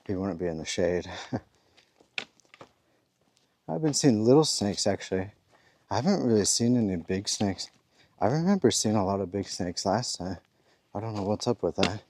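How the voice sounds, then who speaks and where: A man's voice: lowish voice, expressive, moderate pace, long pauses, a little mellow, slight background noise. A man vlogging casually while walking a forest trail outdoors, rambling easygoing talk with chuckles. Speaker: thru-hiker vlogger.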